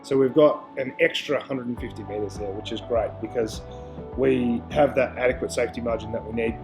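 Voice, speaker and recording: A man's voice: medium pitch, steady tone, a little fast, music in the background, low-quality recording. A man presenting as a pilot, explaining aircraft details in an informal, instructional way.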